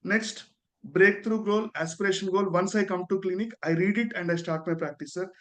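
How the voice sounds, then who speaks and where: A man's voice: high voice, normal speed, fairly bright tone. A man with an Indian accent giving an earnest testimonial as a guest, very deferential and often ending his phrases with "sir".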